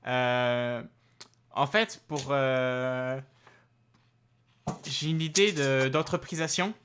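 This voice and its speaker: A man voicing a pushy male arms merchant with a slight Russian accent, pitching his deals in rambling, halting patter. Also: a bit bright, slight background noise. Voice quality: rambling salesman patter, full of hesitations.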